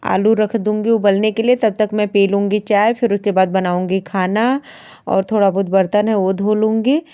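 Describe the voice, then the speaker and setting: Homey woman in her 30s chatting thru her day, smooth clear voice, dry close sound. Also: mid-range voice, fairly even intonation, normal speed, dark tone, dry recording. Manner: chatty, homely, talks straight to viewers. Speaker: vlogger, housewife. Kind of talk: casual daily-routine vlog narration.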